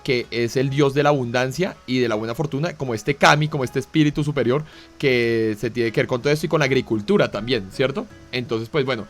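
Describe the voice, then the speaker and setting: With soft music in the background, a man with a Colombian Spanish accent co-hosts an anime talk show in a casual, explanatory chat. He talks fast in a mid-range voice, full of fillers and tag questions.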